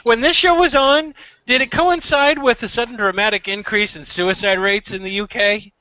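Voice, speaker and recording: A man co-hosts a podcast, throwing out incredulous, sarcastic questions in a very high voice. His tone is bright and sharp. The sound is dull and lo-fi. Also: fairly even intonation, moderate pace, clean tone, dry recording. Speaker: podcast co-host. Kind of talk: casual riffing commentary.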